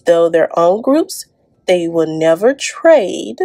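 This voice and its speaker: A young woman reads a picture book to preschoolers at library storytime, chatting with them encouragingly. Her fairly low voice is warm, slow and sing-song.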